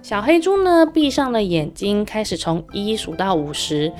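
A woman narrates a children's bedtime-style story, gentle and animated, turning now and then to ask her young listeners questions. Her voice sits at an ordinary pitch, with a faint musical bed behind it. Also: moderate pace, soft background music.

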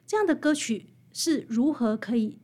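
With a Taiwanese Mandarin accent and a fairly high, slightly mellow voice, this interview guest, an author and music researcher, explains things conversationally at a normal pace. Her intonation is lively as she animatedly walks through examples.

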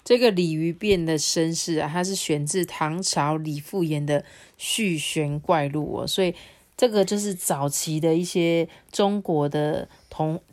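Woman storyteller, lower-pitched, expressive read-aloud for children.

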